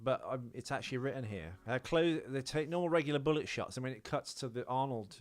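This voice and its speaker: This man co-hosts a podcast and talks quickly, his medium-pitched voice full of lively intonation. He's chatting casually about a movie, going through continuity mistakes and explaining them as he goes.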